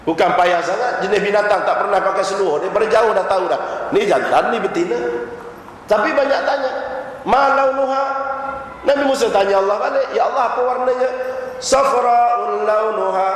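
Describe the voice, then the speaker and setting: A man with a Malaysian Malay accent giving a sermon as a religious teacher, telling stories and asking the audience rhetorical questions. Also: sits high. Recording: very echoey hall recording, faint noise.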